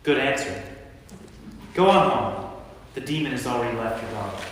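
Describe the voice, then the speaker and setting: A man's voice: mid-range voice, lively intonation, normal speed, slight background noise, natural voice. Man playing an earnest Jesus, echoey church. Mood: firm. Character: Jesus, an earnest, commanding male teacher and healer. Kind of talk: staged scripture reading by an amateur. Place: inside a reverberant church. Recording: echoey church hall with long reverb.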